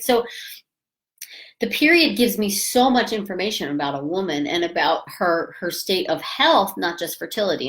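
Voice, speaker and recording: A woman's voice: mid-range voice, fairly bright tone. A middle-aged woman acupuncturist giving a casual educational talk on health, now and then reading aloud from her own book, chatty and emphatic with many fillers. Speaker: acupuncturist and fertility author.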